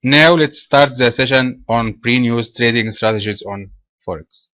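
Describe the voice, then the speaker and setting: A man from Egypt presenting a trading webinar in a measured, explanatory way. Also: mid-range voice, bright, forceful tone, dry recording.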